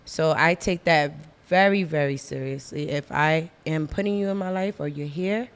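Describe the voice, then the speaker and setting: Podcast lady chatting loose, laughs a lot, kinda low voice, room echoes long. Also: normal speed. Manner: laughs often, talks in repeated restarts. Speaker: podcast co-host. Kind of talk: casual podcast chat.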